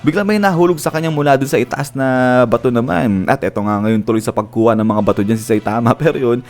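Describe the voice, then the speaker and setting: A man's voice: mid-range voice, quick pace, a little mellow. A man casually retelling an anime episode as a recap narrator, chuckling often as he goes.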